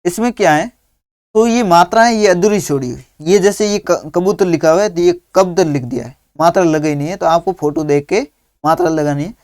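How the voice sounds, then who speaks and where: Slow, patient man dictating a lesson. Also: high voice, a little mellow, no echo, studio quality. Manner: slow, patient dictation, spelling out words one at a time. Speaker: teacher. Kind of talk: workbook lesson for young children.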